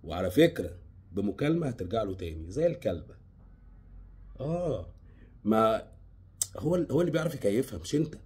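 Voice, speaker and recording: A man with an Egyptian Arabic accent giving impassioned advice, scolding with sarcasm one moment and pleading in low, earnest tones the next. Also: very animated, brisk, long pauses, a little mellow, breathy edge. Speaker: advice vlogger.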